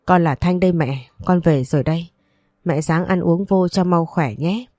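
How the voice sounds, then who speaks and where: A woman's voice: on the low side, normal speed, warm tone, dry recording, clean studio sound, natural voice. A woman voicing a remorseful middle-aged father in a storybook reading, speaking in a pleading, apologetic way.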